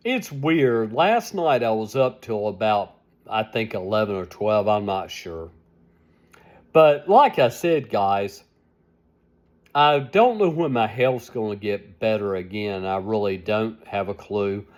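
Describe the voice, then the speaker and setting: Older man in his seventies, slow rambling vlog talk, sleepy and tired, pitch swinging up and down. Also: lively intonation, a little mellow. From United States. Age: 70s. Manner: rambling, complaining, repeating himself. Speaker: vlogger. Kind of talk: casual vlog monologue.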